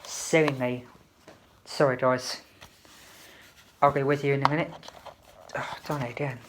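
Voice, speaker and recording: Her voice is very deep, steady and unhurried as she casually reviews a product. She demonstrates it step by step with some hesitation during this relaxed unboxing, and faint background noise and clicks can be heard.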